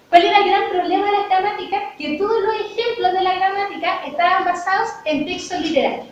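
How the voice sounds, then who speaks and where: A Chilean woman with a very high, bright-toned voice lectures in a university hall, talking students through her points and answering her own rhetorical questions. She is picked up from far off, so her voice comes through roomy and echoing. The sound is dull and lo-fi, with a faint hiss underneath. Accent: Chilean Spanish. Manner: explanatory, poses rhetorical questions and answers them.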